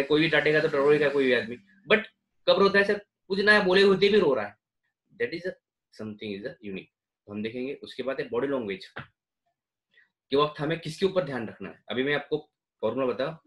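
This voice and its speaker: A middle-aged man teaches in a lively, emphatic lecture style. His voice sits a touch high for a man. He slips English phrases into his explanations. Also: low-quality recording. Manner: emphatic, mixes English phrases into speech, acts out patients. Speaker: homeopathy lecturer. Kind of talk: classroom lecture.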